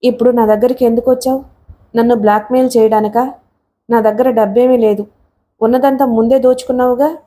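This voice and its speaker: A woman's voice: fairly high pitch, steady tone, brisk, mellow, natural voice. Woman voicing a frightened frail old man. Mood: fearful. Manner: faltering, pleading, then shrieking. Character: old frail wealthy man, cowering and panicked.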